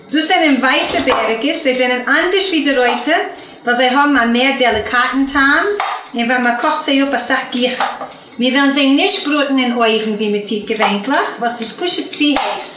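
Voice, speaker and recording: Lady cooking host, high voice, walks you through every step in a wooden kitchen. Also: roomy sound, noisy background. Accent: Yiddish-speaking. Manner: explains each step to viewers. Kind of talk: casual guided cooking chat. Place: farm field outdoors, then wooden house kitchen.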